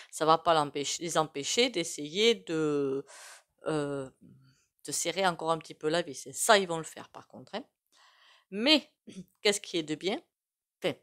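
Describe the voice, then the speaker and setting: A woman with a regional French accent talks through a tarot spread for her viewers, her voice sitting a little low. She rambles as she goes, filling the gaps with hesitations and little asides. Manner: chatty, rambling, with many fillers and self-asides. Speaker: tarot reader. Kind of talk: casual tarot reading to camera.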